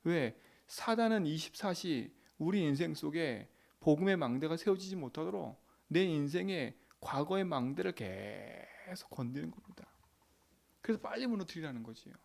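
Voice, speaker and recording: Male pastor, middle-aged, fairly high gravelly voice, casual emphatic sermon delivery that keeps asking the room to agree. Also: animated, moderate pace, hardly any pauses, a little mellow. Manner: emphatic, colloquial preaching with frequent repeated phrases; asks the congregation for agreement. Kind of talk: dawn prayer sermon.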